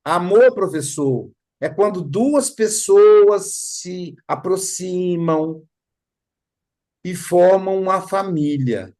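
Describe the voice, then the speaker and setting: A man's voice: sits high, expressive, slow, darkish tone. A man voicing an earnest young female college student answering her professor.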